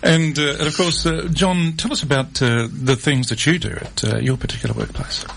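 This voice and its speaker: A man's voice: mid-range voice, steady tone, normal speed, vocal fry, noisy background. A man hosting a community radio health program from a studio, talking with many fillers and restarts. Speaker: radio host. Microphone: studio mic.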